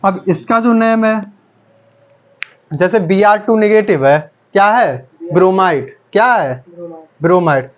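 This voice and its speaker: Brief: male chemistry teacher, high voice, call-and-response drilling, dull lo-fi sound. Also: takes it slowly, pauses often. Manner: repeats each term back as a quiz question. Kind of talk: classroom lecture with call-and-response questions.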